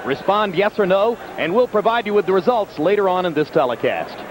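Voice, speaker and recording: A man's voice: high voice, lively intonation, brisk. A man giving live boxing commentary as a broadcast announcer in full, explanatory sentences. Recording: very loud crowd noise behind. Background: roaring arena crowd.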